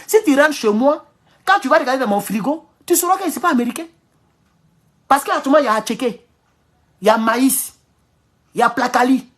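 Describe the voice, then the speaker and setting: A man from Ivory Coast with an Ivorian French accent, giving an animated, casual political monologue at home, repeating phrases and chuckling often. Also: very high voice, husky. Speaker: political commentator. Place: at home in his kitchen.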